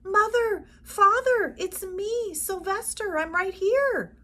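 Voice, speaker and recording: A woman's voice: very high voice, slow, bright, forceful tone, exaggerated voice. A woman voicing a trapped young donkey son, urgent and exclaiming, in a storybook storytime voice. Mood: desperate, urgent.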